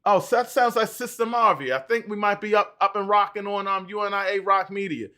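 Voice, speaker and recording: A man hosting a livestream, reading out and answering chat comments in an animated way. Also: sits high, brisk. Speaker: livestream host.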